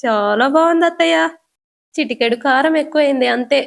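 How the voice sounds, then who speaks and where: A polite, sweet-talking young daughter-in-law, as a woman puts her on in a storytelling recap. Her voice is high and placating. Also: fairly quick, creaky.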